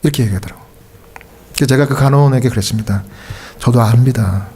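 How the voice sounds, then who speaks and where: A man's voice: medium pitch, quick pace, dark tone, slightly rough. A man speaking Korean, a pastor and hospice chaplain, telling a story in a conversational sermon and acting out the lines of the people in it. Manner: conversational, acts out quoted dialogue. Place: church sanctuary.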